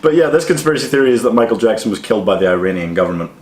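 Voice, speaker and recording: A man's voice: lowish voice, animated, racing, a little mellow, slight background noise. A young man hosting a comedy podcast in casual banter, rambling and mock-earnest, swearing freely. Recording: echoey room.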